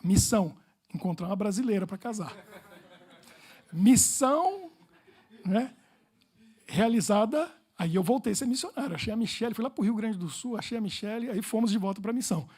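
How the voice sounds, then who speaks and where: A Brazilian pastor preaches with a dark, mellow tone. His voice is a little husky. He tells funny personal stories and repeats words for effect. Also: high voice, lively intonation, moderate pace, pauses often. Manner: humorous storytelling, playful repetitions.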